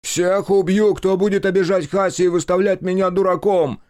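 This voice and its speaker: A man's voice: high voice, flat delivery, normal speed, a little mellow, voice pushed up, lightly acted. A man voicing a hot-tempered, violent young man in an audiobook. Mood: furious.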